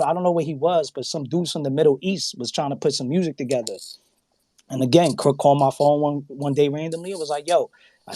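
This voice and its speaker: A man chats on a podcast, slightly higher than most men, and tells stories with animated energy, slipping into quoted voices. He swears freely and laughs often. The sound is dry and close. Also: no echo. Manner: profane, emphatic. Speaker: guest on a podcast. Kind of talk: casual podcast chat.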